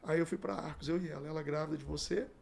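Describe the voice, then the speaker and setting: Middle-aged man from Brazil, pastor in an interview; raised pitch, gravelly fry, acts out every exchange. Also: fast talker, slight background noise. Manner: animated storyteller acting out dialogue. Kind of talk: telling his life story in a podcast interview.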